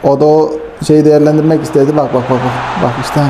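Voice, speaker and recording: A man giving casual, excitable commentary over a football video game, talking straight to his viewers and swinging from hype to frustrated grumbling. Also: fairly high pitch, fast talker, background noise. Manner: talks straight to viewers as friends. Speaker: gaming YouTuber.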